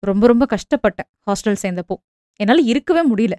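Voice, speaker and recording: A woman voicing a gentle young village man, a devoted son, speaking low and earnestly. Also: expressive, a little fast, no room sound, clean studio sound, natural voice.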